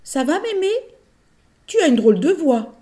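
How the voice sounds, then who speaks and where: A woman storyteller voicing a polite, trusting little girl in a small, high, piping voice. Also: sing-song, moderate pace, warm tone. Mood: worried.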